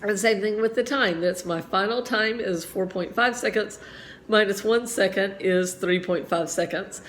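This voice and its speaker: A middle-aged woman teaching physics at a steady middle pitch, walking through each problem step by step. She talks in a chatty way and makes little asides. Now and then she coughs a bit. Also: moderate pace, slight background noise. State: slight cough. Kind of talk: homeschool physics lesson.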